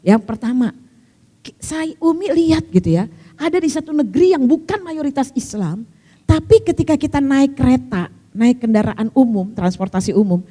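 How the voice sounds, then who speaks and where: An older woman teaching a women's religious study group, her voice high and lively. She tells stories, acts out the people in them and laughs along the way. The sound carries a long reverberant hall tail. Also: moderate pace. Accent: Indonesian.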